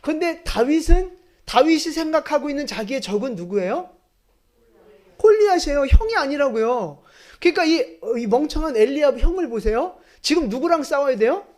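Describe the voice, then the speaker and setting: A woman pastor preaching a lively sermon, putting questions to the congregation. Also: high-pitched. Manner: lively, talks to the congregation with questions and acted quotes. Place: church sanctuary.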